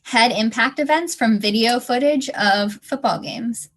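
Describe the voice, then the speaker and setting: A young woman co-hosting a casual science podcast, chatty and quick to laugh. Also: fairly high pitch. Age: young adult. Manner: laughs often, bubbly and chatty. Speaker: podcast co-host.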